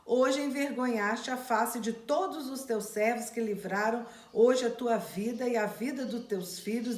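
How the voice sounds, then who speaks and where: A woman's voice: on the high side, darkish tone. Woman, bible study teacher, reads verses then retells them, roomy echo. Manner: reads scripture aloud, then retells it in casual speech.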